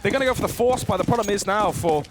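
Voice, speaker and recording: A man's voice: sits high, quick pace, background noise. A man commentating analytically as an esports caster, explaining tactics in dense game jargon. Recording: gunfire and clicks over the voice. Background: video game gunfire and clicks.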